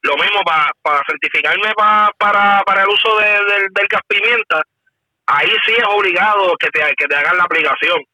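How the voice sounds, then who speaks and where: A man, a police officer telling about his weapons training in casual conversation, halting and repeating words as he recalls. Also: sits high, pushed and bright, rough recording.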